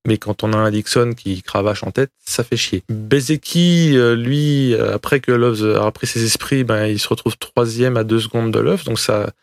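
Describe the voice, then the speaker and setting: Gravelly man doing casual motorsport commentary. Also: mid-range voice, moderate pace, hardly any pauses, no echo, clean studio sound. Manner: colloquial, joking, slangy. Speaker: motorsport podcast host recapping a race.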